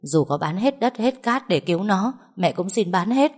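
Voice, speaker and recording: A woman voicing a doting, quick-tempered older village mother who cries, pleads and scolds. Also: lowish voice, lively intonation, darkish tone. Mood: pleading.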